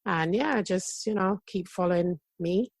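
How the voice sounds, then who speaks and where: A woman's voice: lowish voice, a little slow, creaky, no room sound. Chatty London woman, dry sound. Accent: London with Jamaican patois touches. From United Kingdom. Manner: excited, chatty, rambling. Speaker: podcast guest. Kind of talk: casual chat.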